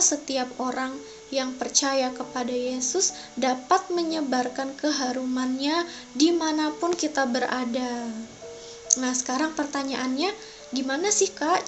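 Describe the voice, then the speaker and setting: A high-pitched woman speaks to young children as their Sunday school teacher. Her delivery is simple, sing-song and coaxing, the way one talks to little kids. Faint music plays behind her. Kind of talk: children's Bible lesson, addressing young kids directly.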